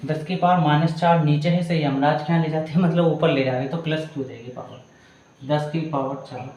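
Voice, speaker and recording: A man on the high side, with a darkish tone, teaches a physics problem step by step, calling his students "beta". The sound is lo-fi, very echoey, with slight background noise.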